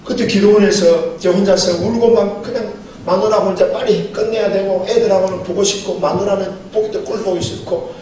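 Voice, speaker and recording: A man's voice: high voice, steady tone, moderate pace, few pauses, a little mellow. A middle-aged man, a pastor, preaching a seminar sermon with a storytelling manner and acting out dialogue. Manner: storytelling, acts out dialogue, chuckles often. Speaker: pastor giving a seminar lecture. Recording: very echoey hall, mic far off, faint noise.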